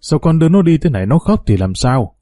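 Elderly father figure, calm and fatherly , read by a man in his warm, dry voice. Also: fairly high pitch, a little fast, no echo, voice pushed up. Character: elderly village father, wise.

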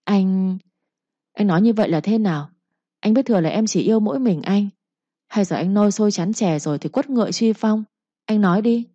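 A stubborn young village daughter talks back and pleads, higher and louder than the narration, voiced by a woman narrator. The tone stays warm and soft-edged on a dull, lo-fi storybook recording. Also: fairly quick, no room sound, close to an everyday voice. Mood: defiant pleading.

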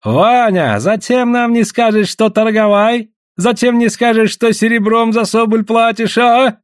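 A man voicing an excited native hunter who exclaims in broken, pidgin-like speech. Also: very high voice, measured pace, smooth, no room sound, clean studio sound, voice pushed up. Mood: indignant. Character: excited native hunter Danda, shrill and pleading.

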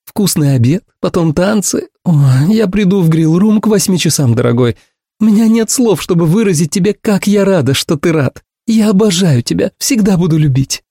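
In a full character voice for an audiobook, a man portrays a gushing young woman who chatters with a piercing shrill sound and showers endearments on every phrase. His delivery is animated, normal speed, mellow and breathy-edged, in clean studio sound with no room tone.

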